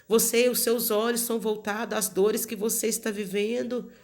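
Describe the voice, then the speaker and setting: A woman's voice: fairly high pitch, level tone, normal speed. A woman with a Brazilian Portuguese accent preaching a sermon, earnest and repetitive, often calling her listeners beloved.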